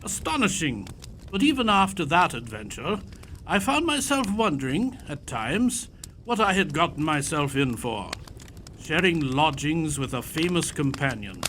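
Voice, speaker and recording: Genial elderly Victorian doctor played by a man, courtly storyteller for audio theatre, high-set and lively pitch. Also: unhurried, a little hiss or hum. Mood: reminiscing. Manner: courtly, old-fashioned turns of phrase. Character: genial elderly Doctor Watson reminiscing, Victorian English gentleman.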